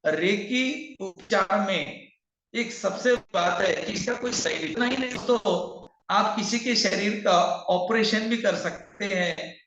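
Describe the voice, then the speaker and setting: A man's voice: high voice, slow pace, fairly bright tone, slight background noise. A man teaching reiki in an online class, his voice carrying a strong echo as he repeats his instructions and reassures the students. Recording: echoey, muffled online-class audio.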